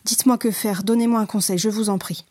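A desperate young mortal woman cries out in a high, imploring voice, voiced by a woman reading the tale. The tone stays mellow and a little husky. It is a storybook telling. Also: fairly even intonation, fast, lightly acted. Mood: pleading.

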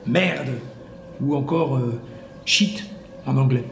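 A man's voice: mid-range voice, takes it slowly, creaky, echoey room, crowd noise. A man playing a grumpy loner living on the moon, in a sweary, mock-serious comic monologue. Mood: exasperated.

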